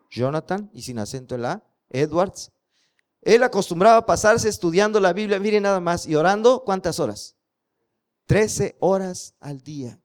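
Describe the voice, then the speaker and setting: Guy preaching, tells stories, keeps asking the crowd questions, voice a bit high. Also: clear, resonant tone. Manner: lively storytelling with rhetorical questions to the congregation. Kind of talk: sermon.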